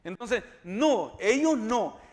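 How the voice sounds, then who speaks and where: High-voiced man preaching a sermon. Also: lively intonation, slow. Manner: emphatic, rising to loud cries when quoting; repeats words and restarts often. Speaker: pastor. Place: church.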